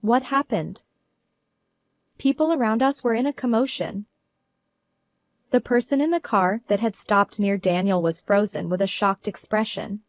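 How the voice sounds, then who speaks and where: A woman telling a first-person story as narrator, in a steady, earnest way. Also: medium pitch, moderate pace, dry recording.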